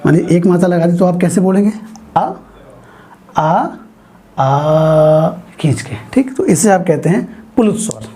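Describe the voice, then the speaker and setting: Slow-paced male Hindi grammar teacher. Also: high-pitched, lively intonation, warm tone, slight background noise. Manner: slow, explanatory, asks students questions. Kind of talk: classroom grammar lesson.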